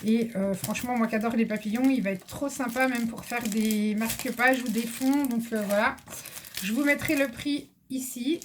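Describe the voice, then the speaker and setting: High-voiced chatty woman showing craft buys. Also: normal speed, a little hiss or hum. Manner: chatty, hesitant with many fillers, addresses viewers and an assistant. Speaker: craft vlogger. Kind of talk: casual haul video chat.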